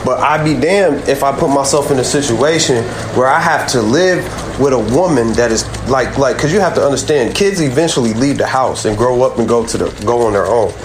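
A man's voice: mid-range voice, brisk, few pauses, echoey room, background noise. A man on a live group voice call who speaks with earnest conviction and quotes scripture in a casual debate. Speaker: call-in panelist.

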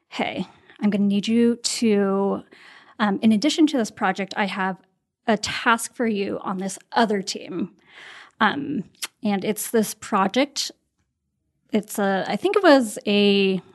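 A woman in her thirties, a podcast guest, telling a personal story in conversation and acting out the voices she quotes, with fillers along the way. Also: medium pitch.

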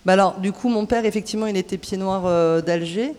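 Speaking fairly quickly in a medium-pitched, slightly mellow voice, a southern French stage director and author is interviewed live at a festival. She hesitates, restarts and leans on fillers, and the outdoor cloister setting gives the broadcast an echo.

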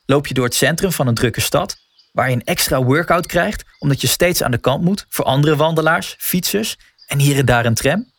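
A man's voice: a little high, dry recording. A man narrating a scripted guided wellness walk as a coach, speaking informally and encouragingly straight to the listener.

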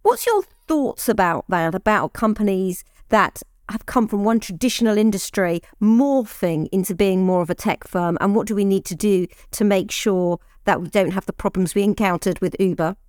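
Woman, interviewer, crisp smooth voice, conversational, long layered questions, dry close sound. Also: mid-range voice, animated, normal speed, few pauses, a little mellow, dry recording.

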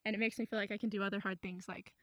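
A woman's voice: mid-range voice, flat delivery, very fast, a bit bright, no room sound, clean studio sound. A woman chatting casually as a podcast co-host. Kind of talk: casual chat.

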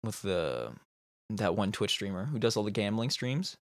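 Man, lively swooping voice, swears a lot, casual podcast talk. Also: lowish voice, moderate pace, no room sound, clean studio sound. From Canada. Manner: animated, profane, laughing often. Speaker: podcast host. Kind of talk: casual chat.

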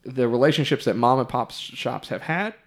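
Measured, thoughtful man on a podcast. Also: mid-range voice. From Texas. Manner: thoughtful, measured, occasional laughs. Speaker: podcast host, music store employee. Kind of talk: casual podcast conversation.

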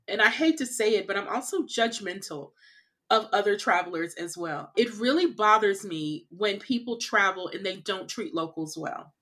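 A woman from California speaks as a guest on an interview podcast, telling personal travel stories in a loose, conversational way. She is animated, laughs easily, and fills her speech with "like" and "you know". Her voice sits in an ordinary middle pitch. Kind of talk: casual conversational storytelling.

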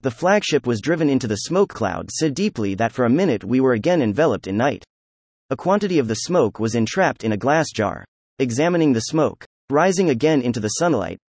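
Guy reading a story out loud, steady and even, mid-pitched, dry close mic. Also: breathy edge, dry recording. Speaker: audiobook narrator. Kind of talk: scripted narration.

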